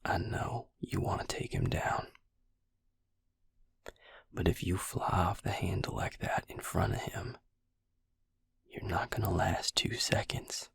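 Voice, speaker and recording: Fully in character, a man portrays a protective vampire with a wry edge in close audio roleplay, talking directly to the listener. His voice is low, unhurried, and gravelly, a breathy, heavily fried near-whisper that sounds exasperated yet intimate. The space is dry and tight, with no room sound.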